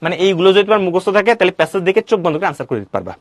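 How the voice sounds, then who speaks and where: A male teacher giving a classroom grammar lecture, quizzing students with quick questions and answering them himself. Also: high-pitched, very animated, no echo.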